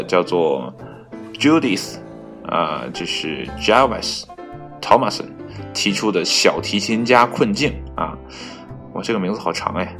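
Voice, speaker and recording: A man with a very low voice reads an article aloud in a loose, chatty way, filling the gaps between phrases with little particles. He stumbles on foreign names and openly fixes them, and faint music plays underneath. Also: fairly bright tone. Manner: heavy use of filler particles between phrases. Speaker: reader of an online article. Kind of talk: casual read-aloud with chatty asides.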